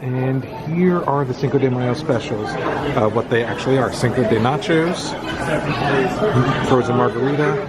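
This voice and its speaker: A man's voice: mid-range voice, normal speed, over a noisy crowd. A man hosting a theme park vlog, talking casually to his viewers outdoors. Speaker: theme park vlogger and channel host. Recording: noisy outdoor amusement park ambience.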